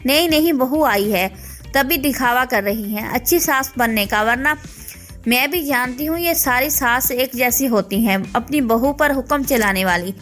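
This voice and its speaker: A woman voicing a suspicious, sharp-tongued young bride in an animated story, talking in an accusing way. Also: sits high, normal speed, faint music behind.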